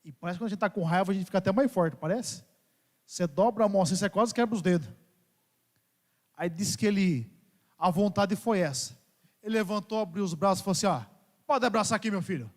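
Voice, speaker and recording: A Brazilian priest preaching a homily in a large church, his voice high for a man and trailing into a long reverb. He mixes humorous stories from home life with the message, often calling out to the congregation. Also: fairly quick, long pauses. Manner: humorous storytelling, addresses the congregation as "gente". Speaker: parish priest. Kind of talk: homily at Mass.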